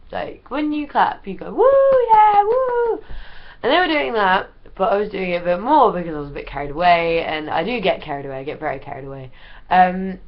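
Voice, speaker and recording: A young woman, ill and sounding under the weather, chatting rambling-style to camera at home with lots of ums and likes. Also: lowish voice. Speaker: vlogger. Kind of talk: casual chat to camera. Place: at home, wrapped in a blanket. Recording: dull lo-fi recording.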